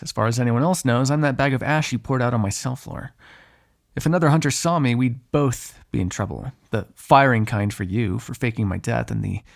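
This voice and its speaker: In an ASMR roleplay, a man plays a sardonic, foul-mouthed vampire on the run, talking conversationally and sounding exasperated. His voice is medium-pitched and creaky.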